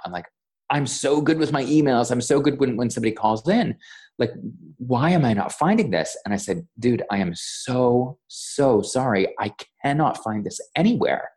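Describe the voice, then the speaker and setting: Guy on a podcast telling a work story, stutters and repeats himself, acts out the back-and-forth. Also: mid-range voice. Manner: stammering, animated retelling with acted-out quotes. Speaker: voiceover coach, podcast guest. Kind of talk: casual interview storytelling.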